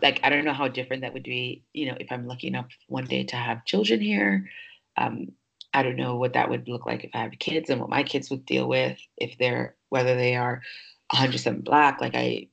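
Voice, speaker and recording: A woman's voice: very deep voice, steady tone, a little fast, gravelly, husky, highs cut off. A woman who grew up in New York hosts a podcast, speaking in a casual, reflective way with many fillers as she thinks aloud. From New York, United States. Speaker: podcast host.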